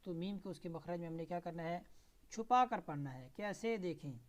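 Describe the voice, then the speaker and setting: A man teaching Tajweed, spelling out and reciting verses slowly syllable by syllable, then explaining the rules in brisk asides. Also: sits high. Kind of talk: Tajweed lesson with slow recitation.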